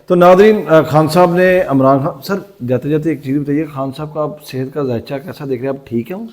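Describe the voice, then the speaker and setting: A man's voice: a little high, darkish tone. Pakistani host guy, polite, keeps saying yes sir. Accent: Pakistani Urdu. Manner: deferential, frequent agreeing. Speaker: interview host. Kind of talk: interview and show sign-off.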